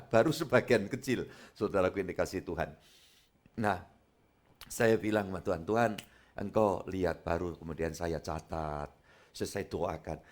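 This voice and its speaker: Animated pastor preaching. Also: male voice. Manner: animated, conversational preaching with sudden loud high bursts. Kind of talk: sermon. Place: church sanctuary.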